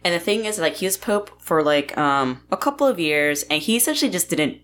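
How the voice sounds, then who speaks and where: Low-voiced woman rambling casually. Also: animated, fairly quick, a bit bright. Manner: rambling, lots of "like" and swearing. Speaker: podcast co-host. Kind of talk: casual history podcast chat.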